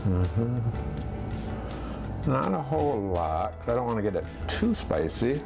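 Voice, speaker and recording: A man, hosting a casual home cooking demonstration and talking through each step in a relaxed, chatty way. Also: medium pitch, a little slow, gravelly. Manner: relaxed, chatty, thinks aloud with fillers. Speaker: cooking show host. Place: home kitchen, indoors. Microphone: fixed camera at a distance. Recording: home kitchen with background music. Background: background music.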